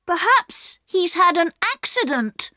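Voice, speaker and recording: A woman voicing a brave young boy who leads his siblings, in a high excited child voice for a storybook reading. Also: slow, no echo, studio quality, exaggerated voice. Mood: urgent.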